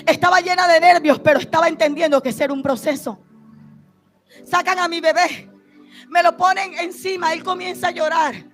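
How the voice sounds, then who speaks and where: A woman preacher with a very high voice delivers her testimony on a church stage. She swings between fervent shouting and slow, hushed passages. Faint music plays behind her. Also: fairly even intonation. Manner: impassioned, shouting at peaks, dropping soft and slow. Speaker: prophet, preacher. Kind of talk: testimony sermon.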